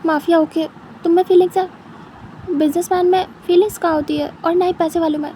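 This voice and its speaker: A woman's voice: extremely high pitch, fairly even intonation, quick pace, dark tone, a little hiss or hum. A woman voicing a frightened young man who begs and pleads with his captor. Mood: nervous bargaining. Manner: panicked, begging, breaking into cries.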